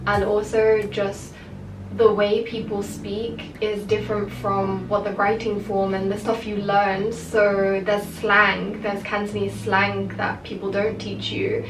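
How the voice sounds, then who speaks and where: Slow-paced and flat, a young adult woman's mid-range voice carries a candid vlog chat to camera, heavy with fillers. She's half Japanese and raised in the UK. Audio comes through a far camera mic in an echoing, noisy space.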